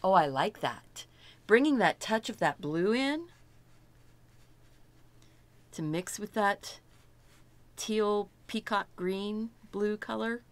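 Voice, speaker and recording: A woman's voice: medium pitch, expressive, takes it slowly, long pauses. A middle-aged woman teaching a step-by-step painting lesson, chatty and thinking aloud as she works, delighted by her own results. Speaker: art instructor.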